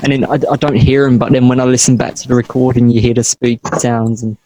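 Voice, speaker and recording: Excitable young man. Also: mid-range voice, fast, low-quality recording. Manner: excitable, playful, stumbles over his words. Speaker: podcast co-host. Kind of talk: casual chat.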